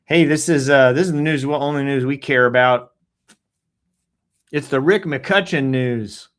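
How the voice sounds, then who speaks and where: A man hosting a casual news read-through, joking around, clearing his throat often and making sound-effect noises between stories. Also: medium pitch, measured pace. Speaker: host reading the news.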